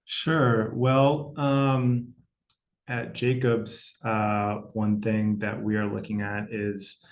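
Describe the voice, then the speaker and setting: Slow, flat-voiced gravelly man. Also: fairly low pitch, rough recording. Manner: slow, deliberate, with pauses. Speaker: corporate panelist. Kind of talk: webinar panel answer. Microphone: video call.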